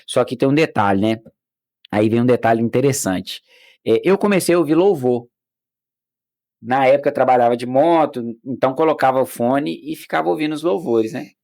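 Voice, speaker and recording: A man's voice: medium pitch, normal speed, creaky. Brazilian man telling his testimony. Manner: animated storyteller who acts out quoted dialogue; frequent restarts and filler words. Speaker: podcast guest. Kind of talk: personal faith testimony in casual chat.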